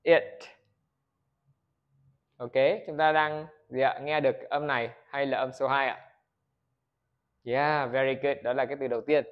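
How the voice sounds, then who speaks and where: A man's voice: mid-range voice, fairly even intonation, normal speed, clear, resonant tone, muffled recording. A Vietnamese man teaching English pronunciation in a video lesson. He keeps asking the viewers questions, answers them himself and models words for them to repeat.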